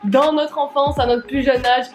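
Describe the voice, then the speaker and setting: A woman's voice: high voice, fairly even intonation, moderate pace, lo-fi sound. A young woman hosting a video in casual, slangy chat, joking playfully as she reads out questions. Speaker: video host reading viewer questions. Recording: roomy echo, music underneath.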